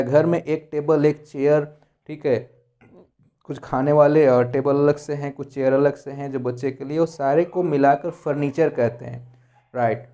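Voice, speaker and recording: Mellow-voiced grammar teacher. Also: male voice, a little high. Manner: explains by listing examples and checking in with "ठीक है". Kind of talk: lecture explaining grammar rules.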